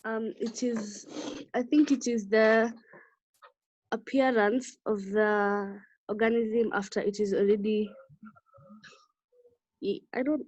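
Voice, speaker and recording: Woman student on a call, hesitant, slow, fairly high voice, dry sound. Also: fairly even intonation, a little mellow, no room sound, lo-fi sound. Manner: hesitant, unsure. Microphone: online class call.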